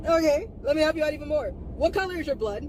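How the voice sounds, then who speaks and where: A woman's voice: sits high, animated, fast talker. A woman in her twenties talking straight to viewers in an intense, rambling monologue, repeating her points for emphasis. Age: 20s. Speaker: vlogger addressing viewers. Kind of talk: rambling direct-to-camera monologue. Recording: loud traffic noise.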